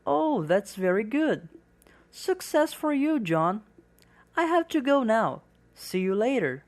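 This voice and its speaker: A woman reading the part of a woman catching up with an old friend, in slow, carefully pronounced English. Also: fairly high pitch, big pitch swings. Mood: friendly.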